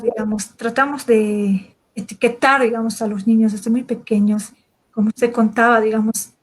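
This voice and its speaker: A woman hosts a conversation, thinking aloud in a reflective, halting way. Her voice sits fairly high, and her intonation stays quite even and flat. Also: rough recording. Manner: reflective, hesitant, full of fillers. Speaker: interview host. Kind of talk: conversational interview.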